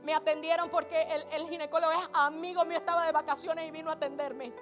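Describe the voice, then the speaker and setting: High-voiced impassioned woman preacher. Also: little pitch movement, fast talker, soft background music. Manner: impassioned, swings from hushed to shouting. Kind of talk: sermon. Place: church service.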